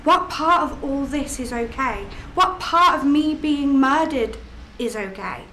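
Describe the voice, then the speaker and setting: A woman's voice: high-pitched, animated, measured pace, heavily acted. An actress playing a young woman's ghost, upset and frustrated at being murdered, in a film. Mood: angry. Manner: upset, shouting then apologetic. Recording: echoey room with faint noise.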